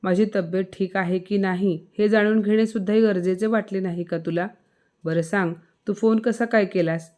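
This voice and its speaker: A woman's voice: medium pitch, steady tone, moderate pace, a little mellow, lightly acted. A woman voicing a proud, stubborn young wife who speaks with indignation. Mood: indignant.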